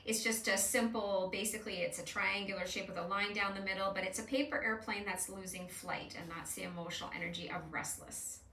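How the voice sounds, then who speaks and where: Woman host, chatty and explanatory, bright tone, recorded at a distance in a roomy space. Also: medium pitch, steady tone, a little fast, few pauses. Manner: chatty, explanatory, with frequent fillers and restarts. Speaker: host doing card readings with an AI. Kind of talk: casual spoken reading. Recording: echoey room, somewhat far from mic.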